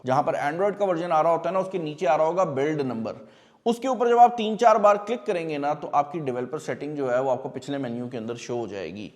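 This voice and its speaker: Chatty man explaining phones, reverberant room. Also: a little high. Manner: chatty, addresses viewers directly, explains with everyday examples. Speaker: tech video host. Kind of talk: casual explainer talk. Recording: long hall reverb.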